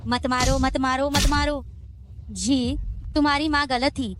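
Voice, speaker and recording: A woman's voice: sits high, steady tone, unhurried, loud music behind the voice. An actress playing a greedy, scheming middle-aged mother who sneers and then pleads shrilly. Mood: pleading.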